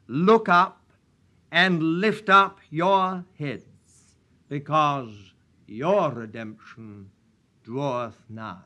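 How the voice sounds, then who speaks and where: A man preaching from the pulpit, his voice picked up by a pulpit microphone. He sits a little high for a man and speaks unhurriedly, with solemn, measured phrasing in old-fashioned prayer wording. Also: sharp tone. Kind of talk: sermon with prayer and scripture reading. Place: church.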